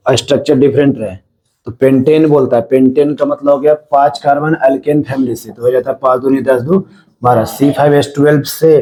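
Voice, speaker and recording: Mellow-voiced Indian man teaching chemistry. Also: medium pitch, poor audio. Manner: explains step by step, often checking "है ना?". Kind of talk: classroom-style lecture.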